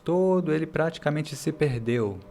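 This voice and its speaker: A man's voice: a little high, lively intonation, moderate pace, mellow, slight background noise. A man giving a spiritual discourse, explaining and repeating points for emphasis. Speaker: lecture translator.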